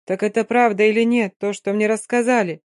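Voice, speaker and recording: Fierce, fussing old Romani nomad woman, read by a woman narrator; loud and emphatic, no room sound. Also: mid-range voice, steady tone, brisk, no echo, clean studio sound, lightly acted.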